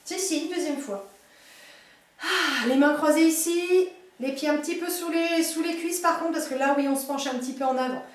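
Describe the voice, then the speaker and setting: Female fitness coach, high voice, very echoey room, mic set back, counts reps and cues breathing. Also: moderate pace, distant mic. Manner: encouraging, light teasing. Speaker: fitness instructor. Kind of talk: guided chair exercise class.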